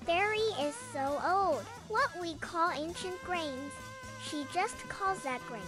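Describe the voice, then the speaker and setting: A synthetic woman's text-to-speech voice reading out viewer chat messages in a flat, even way. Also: extremely high pitch, takes it slowly. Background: background music.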